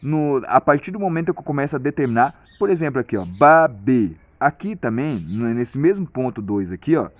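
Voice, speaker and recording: A man teaching in a casual video lesson, talking slowly through an idea with many restarts and frequent check-ins with the viewer. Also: medium pitch, big pitch swings, no echo, dull audio. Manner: hesitant, many restarts and repeated "compreende?". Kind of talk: casual explanatory tutorial.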